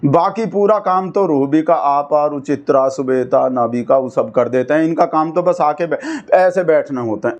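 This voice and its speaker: A man with a high voice and a lilt riffs on news clips, teasing and chatty. He pokes fun at everyone in a loose, talkative style, throwing in friendly asides. The delivery is comic satire, not straight news. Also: moderate pace, hardly any pauses, darkish tone. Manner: mocking, chatty, repeats "bhai sahab". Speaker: satirical commentator.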